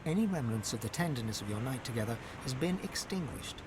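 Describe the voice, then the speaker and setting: An actor playing a solemn, dramatic storyteller narrating a video game. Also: male voice, medium pitch, expressive, fast talker, noisy background, natural voice.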